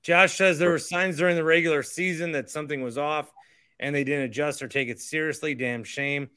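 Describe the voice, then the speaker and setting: A man's voice: a little high, fairly even intonation, a little fast, pushed and bright, clear, resonant tone, no echo. A tipsy man hosting a sports livestream, rambling and swearing in exasperation as he rants. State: drunk, tipsy. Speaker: host of a sports fan livestream. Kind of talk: rambling livestream rant about basketball.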